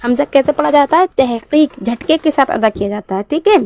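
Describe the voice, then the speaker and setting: A woman teaching a beginners' Quran reading lesson. She asks questions and answers them herself, and drills syllables slowly and clearly. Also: high voice, expressive, a little mellow.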